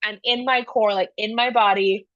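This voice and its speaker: A woman's voice: medium pitch, fairly even intonation, normal speed, fairly bright tone, no echo, muffled recording. A young adult woman and business owner, a podcast guest speaking candidly and reflectively, thinking aloud in quoted inner monologue. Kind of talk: casual podcast conversation.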